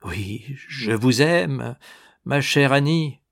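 A man's voice: medium pitch, expressive, very slow, creaky, fairly bright tone, no room sound, clean studio sound, full character voice. A man reading an impatient middle-aged lover. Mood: tender. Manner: exasperated protests.

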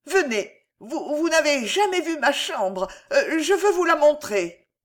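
A woman's voice: high-pitched, expressive, slow pace, voice pushed up. A woman voicing a frightened young woman in love, pleading and breathless, in an audiobook reading. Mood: pleading panicked. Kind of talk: audiobook character voice.

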